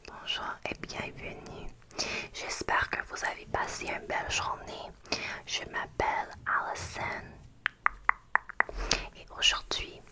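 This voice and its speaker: A young woman from Canada, whose first language is English, whispers a slow ASMR ramble in an English Canadian accent and often pauses to find her words. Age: young adult. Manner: hesitant, pauses to search for French words. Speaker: ASMR creator.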